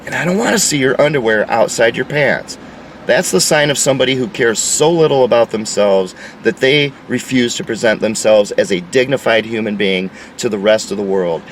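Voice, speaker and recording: A man's voice: medium pitch, normal speed, distant mic, a little hiss or hum, poor audio. A man delivering an insistent, lecturing opinion monologue. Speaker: commentator.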